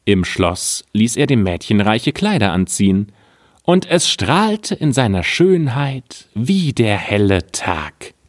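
A male storyteller reads an old fairy tale aloud, calm and measured, taking his time in a slightly low voice. The recording is dry and close, without any room echo.

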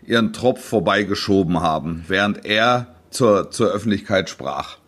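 Low-voiced middle-aged man, halting storyteller. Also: lively intonation, a bit bright. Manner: halting, repeats words as he searches for phrasing. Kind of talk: casual chat, storytelling.

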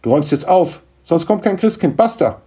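A man's voice: on the high side, expressive, normal speed, mellow, husky, pitched above the performer's own voice. A man voicing a stern, impatient mother in a storybook reading, clipped and scolding.

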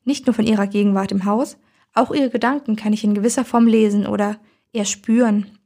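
A woman voicing a gentle, courteous male giant from elsewhere, with a gravelly, husky voice. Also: medium pitch, fairly even intonation, fairly quick. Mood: calm. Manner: courteous, softly wondering.

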